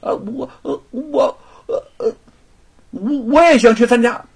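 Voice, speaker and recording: A man voicing a spoiled, arrogant young rich man who stammers, with a husky voice. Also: extremely high pitch, measured pace, voice pushed up, full character voice. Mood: hesitant.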